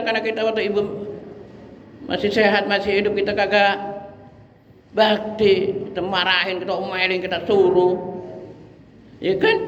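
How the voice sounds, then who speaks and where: A man, preaching a lively, colloquial sermon that he acts out. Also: sits high, a little hiss or hum. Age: 60s. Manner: animated, colloquial and dramatizing. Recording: echoey hall, dull sound.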